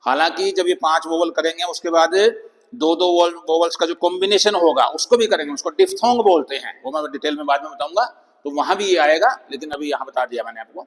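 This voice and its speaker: A man teaching a phonics lesson, speaking slowly and deliberately, reading English headings aloud. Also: a little high. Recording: long echoing reverb.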